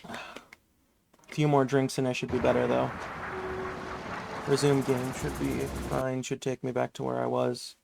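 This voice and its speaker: A man's voice: medium pitch, monotone, a little slow, vocal fry, long pauses, darkish tone, a little hiss or hum. A man chatting casually and rambling while streaming a video game. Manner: rambling, laid-back. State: rough voice warming up. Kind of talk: casual chat over gameplay.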